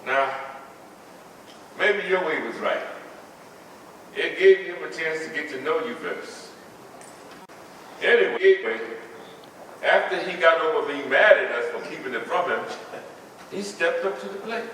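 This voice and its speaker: An actor playing a protective grandfather on a theater stage, gruff and guarded, heard from a distant mic. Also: a little high, expressive, measured pace, pauses often, sharp tone, slight background noise. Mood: tender. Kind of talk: live stage drama. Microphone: distant room mic. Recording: echoey hall from far off.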